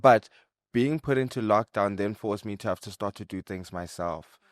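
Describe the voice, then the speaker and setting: Relaxed young man, low dry voice. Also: moderate pace, no room sound. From Zimbabwe. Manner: relaxed, conversational, uses "like" and "right?" often. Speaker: guest, content creator and videographer. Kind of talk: casual interview answers.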